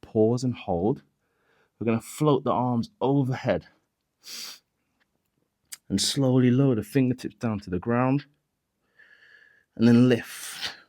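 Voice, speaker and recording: Male Pilates instructor, slow and mellow, short of breath, steady counting cues. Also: medium pitch. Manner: calm cueing with breath counts. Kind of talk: guided workout instruction.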